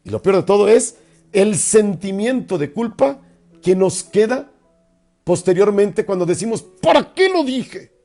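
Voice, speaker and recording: A middle-aged man gives an expressive motivational talk, acting out little dialogues. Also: measured pace, soft background music. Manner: expressive, acts out little dialogues with sudden pitch swings. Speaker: speaker on emotional self-control.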